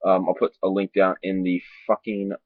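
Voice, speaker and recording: Male reviewer, lowish raspy voice, talking around a lip full of dip; loose, sweary, repetitive delivery, dry muffled lo-fi recording. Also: level tone, dry recording. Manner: sweary, informal, halting and repetitive. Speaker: dip reviewer on a video channel. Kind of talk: casual rambling review to camera. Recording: dull lo-fi sound.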